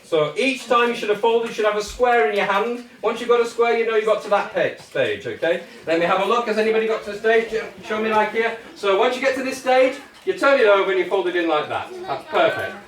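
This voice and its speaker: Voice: mid-range voice, animated, a little fast, hardly any pauses, a bit bright. A British kids' party magician giving step-by-step instructions to children in encouraging, jokey patter, often checking with short questions. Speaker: children's party magician leading a craft activity. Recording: echoey room, distant microphone.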